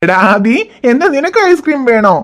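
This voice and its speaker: A gentle, patient cartoon father, voiced by a woman coaxes his crying child with soft reassurance. The voice sits a little high and stays calm and steady. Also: moderate pace, a little hiss or hum. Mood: soothing. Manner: soothing, coaxing, reassuring. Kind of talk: cartoon voice acting.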